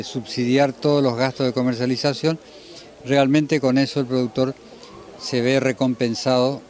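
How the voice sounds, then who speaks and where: Male interviewee, 60s, mid-range voice, explains things carefully and haltingly into an outdoor reporter's mic. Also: medium pitch. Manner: measured, hesitant, frequent pauses mid-phrase. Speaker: institute president, interviewee. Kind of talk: news interview, unscripted explanation. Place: outdoors at cattle pens. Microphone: handheld reporter microphone.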